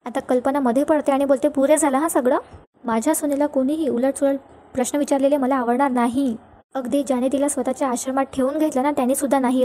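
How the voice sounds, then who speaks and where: A woman's voice: high voice, dark tone. A woman recapping a television serial episode, retelling each scene and reading the characters' lines in her own voice. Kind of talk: fast storytelling recap with quoted dialogue.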